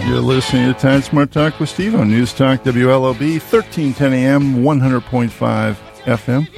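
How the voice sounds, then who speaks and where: A man's voice: mid-range voice, moderate pace, gravelly, over music. A man in his sixties hosting a radio talk show, asking long, rambling questions full of restarts. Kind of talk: radio interview. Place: radio studio. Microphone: studio microphone.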